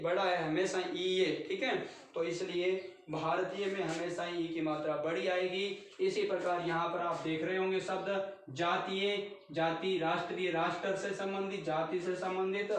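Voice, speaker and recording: A man's voice: high voice, fairly bright tone. A man teaching Hindi grammar in a class, repeating each word and quizzing his students as he goes. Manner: repetitive, drills each word with quiz questions to students. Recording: very echoey room, mic far off.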